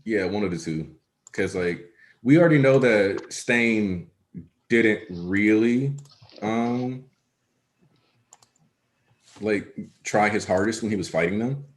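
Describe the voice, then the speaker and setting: Low-voiced guy chatting loosely, lots of likes and ums. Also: takes it slowly, long pauses. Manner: rambling, many likes and ums. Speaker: podcast co-host. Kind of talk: casual chat.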